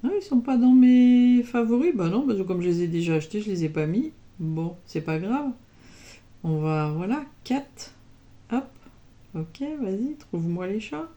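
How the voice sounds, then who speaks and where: A woman's voice: mid-range voice, lively intonation, moderate pace, dark tone, dull audio. A woman chatting casually as an embroidery vlogger, showing her projects and peppering her talk with little interjections. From France. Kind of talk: casual show-and-tell chat.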